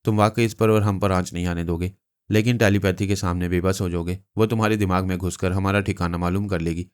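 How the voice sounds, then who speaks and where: A man reading a novel aloud, voicing a calm, cautious male leader who speaks in a measured way. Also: low voice, clear, resonant tone, close to an everyday voice.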